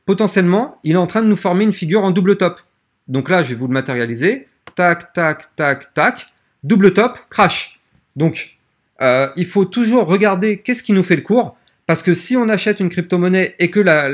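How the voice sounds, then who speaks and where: A man's voice: fairly high pitch, husky. A man hosting a casual screen-share tutorial who explains step by step in a chatty way and often stumbles and restarts mid-sentence. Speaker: crypto tutorial host.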